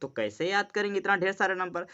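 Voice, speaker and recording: A man's voice: high voice, animated, brisk, sharp tone, clean tone. A man teaching a math lesson for exam prep, calling students "beta" and asking and answering his own questions. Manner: repetitive, drilling tone. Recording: dull lo-fi sound.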